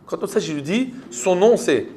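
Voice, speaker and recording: A man's voice: high voice, expressive, moderate pace, mellow. A man with a French accent, a rabbi giving a Torah class and quizzing his students with rhetorical questions.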